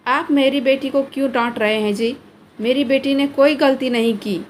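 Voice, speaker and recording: A woman's voice: sits high, fairly even intonation, moderate pace, slight background noise, lightly acted. A woman voicing a protective middle-aged mother who sharply defends her daughter in a spoken story. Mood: defensive.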